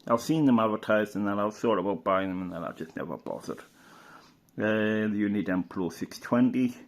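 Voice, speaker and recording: A middle-aged man from the UK, a radio hobbyist chatting casually through an old catalogue, rambling and unhurried with lots of fillers and restarts. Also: fairly low pitch, a little mellow. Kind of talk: casual reminiscing commentary.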